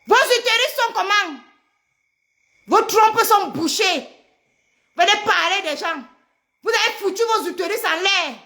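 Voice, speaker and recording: A woman's voice: very high-pitched, animated, a little slow, pauses often. A middle-aged pregnant woman, ranting angrily on a live stream, trading insults and mocking her rivals. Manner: shouting insults, mocking, repetitive. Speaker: social media personality. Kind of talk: angry live-stream rant.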